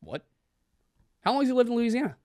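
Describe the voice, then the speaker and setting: A man in his twenties co-hosting a podcast, chatting casually and joking, with quick asides. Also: very high-pitched, huge pitch swings, darkish tone, dry recording, clean studio sound. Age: 20s. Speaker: podcast co-host.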